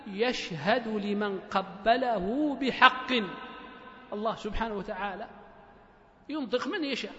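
A man's voice: extremely high pitch, a bit bright. A man with a Libyan Arabic accent giving a religious lecture in a mosque, talking rhetorically, repeating phrases and prodding the listeners with short questions. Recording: echoey hall, slightly dull lo-fi recording.

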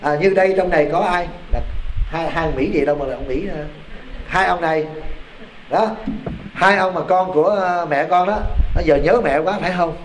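A man, a Buddhist monk giving a lively sermon and quizzing his listeners, in an echoey temple hall. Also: a little high, normal speed. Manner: animated, quizzing the audience. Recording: echoey hall, faint background noise.

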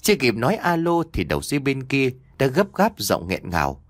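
A man's voice: mid-range voice, wildly swooping pitch, a little fast, dry recording. A man narrating a scripted horror story in a dramatic, ominous storytelling manner.

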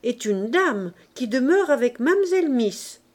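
Woman reading as a polite hungry little kid, earnest, slow and careful. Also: big pitch swings. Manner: polite, earnest, raised pitch.

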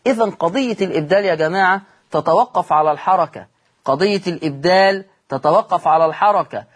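A man with an Egyptian accent gives a recitation lesson for broadcast. His voice is fairly high and a bit husky. He keeps repeating his key points and answers his own questions. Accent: Egyptian Arabic. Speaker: Quran recitation teacher. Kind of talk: televised religious lesson. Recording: studio broadcast.

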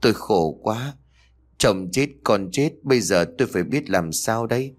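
A man's voice: on the low side, lively intonation, moderate pace. A man voicing a grieving middle-aged mother who talks through sobs in a spoken ghost story. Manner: sobbing, lamenting.

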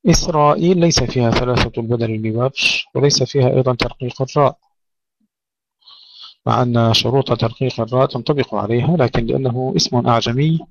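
A man's voice: medium pitch, vocal fry, noisy background. A man teaching Quran recitation rules, carefully demonstrating how each sound should be pronounced. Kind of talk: tajweed lesson with recited examples. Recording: dull lo-fi dry recording.

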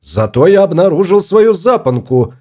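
A man's voice: a little high, very animated, normal speed, warm tone, voice pushed up. Man reading a grumbling stubborn husband. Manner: grumbling, obstinate. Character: stubborn fussy husband, spaceship explorer.

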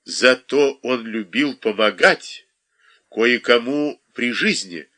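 Angry woman throwing accusations in a man's reading voice, lively. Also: mid-range voice, takes it slowly, heavily acted. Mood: accusing. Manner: sharp, accusing.

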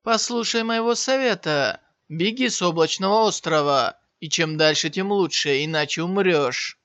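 A man's voice: a little high, moderate pace, a bit bright, dry recording, natural voice. A man doing a stern warning warrior. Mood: urgent. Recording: slightly dull, dry lo-fi sound.

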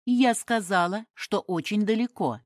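A woman's voice: mid-range voice, big pitch swings, measured pace, darkish tone, dry recording, clean studio sound, pitched above the performer's own voice. A woman reading an audiobook and voicing a cold, stubborn Roman noblewoman who talks in curt, scornful commands. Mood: aloof.

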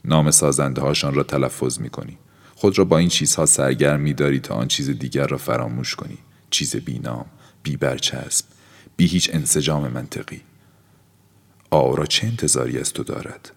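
A man reading an audiobook in a measured, brooding way. His voice is extremely deep and low-pitched. A long, hall-like reverb follows every phrase. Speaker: narrator. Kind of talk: scripted audiobook narration.

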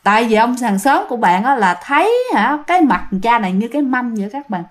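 Chatty woman telling ghost stories, high voice that bounces around. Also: sing-song, fairly quick. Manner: chatty, addresses listeners often. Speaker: ghost story narrator. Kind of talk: storytelling to listeners.

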